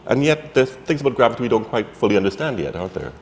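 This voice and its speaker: A man's voice: mid-range voice, very animated, racing. A man interviewing a guest, asking leading questions that end in tags. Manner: leading questions with tag endings. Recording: reverberant hall with faint noise.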